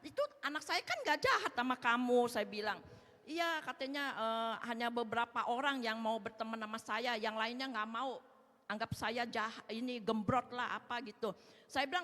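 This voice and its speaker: A woman's voice: a little high, bright, forceful tone. A woman gives her personal testimony to a church congregation, acting out both sides of a remembered talk. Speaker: church member giving testimony. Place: church hall. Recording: long reverb of a large hall.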